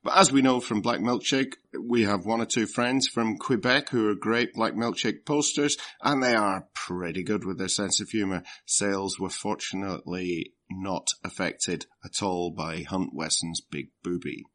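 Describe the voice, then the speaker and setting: A man's voice: lowish voice, moderate pace, few pauses, a bit bright. A man presenting a comedy podcast in a chatty, partly scripted way.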